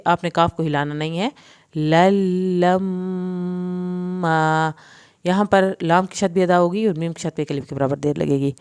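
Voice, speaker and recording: Smooth, clear-voiced woman teaching recitation. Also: lowish voice. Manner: slow drawn-out recitation alternating with brisk explanations. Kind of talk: tajweed lesson, reciting verses then explaining.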